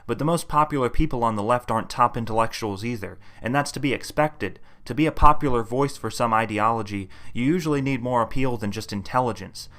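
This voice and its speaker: A man's voice: medium pitch, a bit bright. A man reading a scripted political commentary in a scornful, combative tone, freely insulting his opponents. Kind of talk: scripted commentary video essay.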